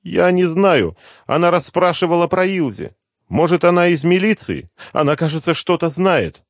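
A frantic, shrill old mother, as a male reader puts her on, crying out in fear on a telephone line. Her voice jumps high and loud, and it stays raised and urgent throughout. The sound is dry and close, with no room around it. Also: animated, normal speed, no echo. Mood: frantic, scared. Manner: frantic, shouting in alarm. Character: frightened elderly mother, panicky and shrill.

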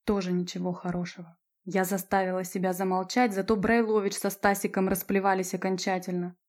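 A woman voicing a sharp-tongued, jealous teenage schoolgirl with a cutting, mocking manner. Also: mid-range voice, level tone, brisk, lightly acted. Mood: troubled.

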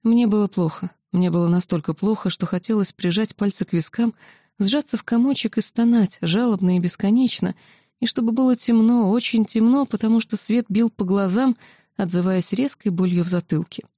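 A woman narrating a fantasy novel in the first person, with a steady, expressive reading. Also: mid-range voice, moderate pace, dry recording, studio quality. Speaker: audiobook narrator.

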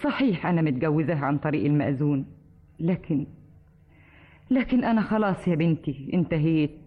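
A weary, remorseful wife. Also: female voice, deep voice, a little fast. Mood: pleading. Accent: Egyptian Arabic. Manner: weary, urgent pleading. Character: worn-out, remorseful wife of a villain. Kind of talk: 1950s radio drama acting. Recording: thin phone-like old radio recording.

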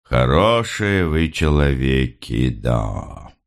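A man voicing a gruff but good-hearted young man who grumbles and teases. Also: mid-range voice, big pitch swings, slow, a bit bright, voice pushed up. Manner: mock-grumbling, teasing.

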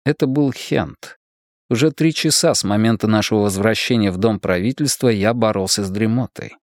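A man's voice: fairly low pitch, normal speed, darkish tone, no room sound, clean studio sound. A man reading a novel aloud as the first-person narrator, telling the story expressively. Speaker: audiobook narrator.

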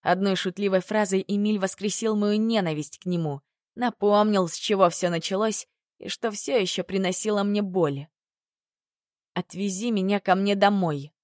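A woman's voice: mid-range voice, normal speed, darkish tone, dry recording, studio quality. Woman reading a romance novel aloud. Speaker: audiobook narrator. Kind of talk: first-person novel reading.

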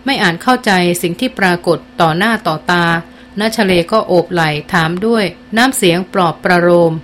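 A woman reading a novel aloud as an audiobook narrator, in a steady storytelling manner that slows down for dialogue. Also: fairly low pitch, a little hiss or hum.

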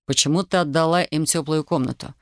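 A woman reading aloud, voicing a stern, angry young soldier husband in clipped, gruff, lowered tones. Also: fairly quick, no echo, clean studio sound.

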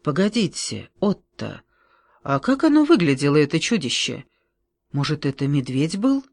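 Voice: medium pitch, sing-song, normal speed, dry recording. A reader voicing a romantic, cheerful middle-aged head forester who eagerly asks questions, in an audiobook. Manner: eager, cheerful, solemn at times.

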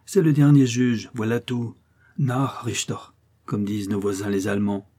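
Male reader doing a grim dutiful headsman, blunt, husky. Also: lowish voice, fairly even intonation, normal speed, mellow, close to an everyday voice.

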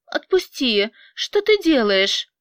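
A woman voicing a distraught, defiant young mother with shrill, tearful outbursts. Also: animated, a little slow, fairly bright tone, dry recording, studio quality. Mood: angry.

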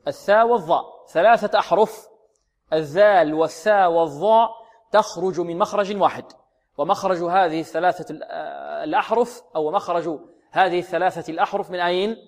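High-voiced man teaching Quran recitation. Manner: asks questions then answers them himself, slows to demonstrate sounds. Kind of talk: tajweed lesson with demonstrations.

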